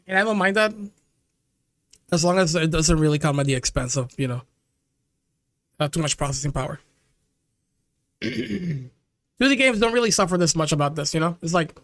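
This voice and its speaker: A young man with a notably high voice streams live and talks casually to his viewers, loose and chatty. The sound is dry and close, with no room around it. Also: lively intonation, normal speed, pauses often, fairly bright tone, dry recording. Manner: chatty, loose, calls the audience "dude" and "chat".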